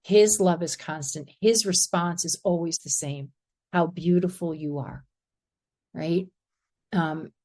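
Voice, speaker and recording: Woman, lowish voice, earnest halting testimony in a faith discussion group. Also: mellow. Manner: earnest, halting, laughs often.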